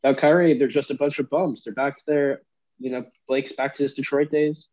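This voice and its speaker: A man's voice: mid-range voice, level tone, fairly quick, a little mellow. A young American man co-hosting a casual sports chat, giving his picks, on dull lo-fi audio. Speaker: sports talk co-host.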